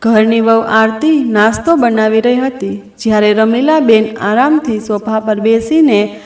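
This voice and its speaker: A woman's voice: a little high, measured pace, a little mellow, soft background music. Woman storyteller in a roomy room. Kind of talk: scripted story narration. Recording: roomy echo.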